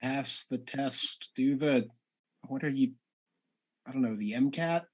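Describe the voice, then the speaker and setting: A man's voice: mid-range voice, measured pace, slightly rough. A man playing casually in character in a tabletop game, sarcastic and sweary. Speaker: player.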